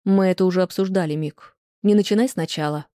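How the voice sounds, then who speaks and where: An audiobook reader voicing a tired, guarded woman turning away her ex-husband, calm and restrained. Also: on the low side, fast talker, no room sound, studio quality, natural voice. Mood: cold.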